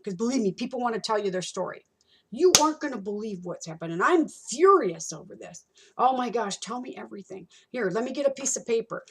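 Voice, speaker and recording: Chatty woman instructor recording a lecture. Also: mid-range voice. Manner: chatty and animated, acting out customer exchanges. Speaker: college instructor. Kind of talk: recorded lecture walking through a textbook.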